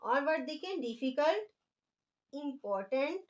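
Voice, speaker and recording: A woman's voice: high voice, animated, a little slow, a little mellow, lo-fi sound. A woman teaching an English grammar lesson, explaining patiently and stretching out example words as she writes them.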